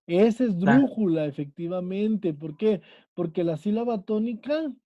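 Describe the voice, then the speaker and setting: A man's voice: high-pitched, lively intonation, unhurried, dry recording, lo-fi sound. A man with a Mexican accent, teaching a Spanish class and quizzing his students, checking in with them again and again. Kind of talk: online class lesson.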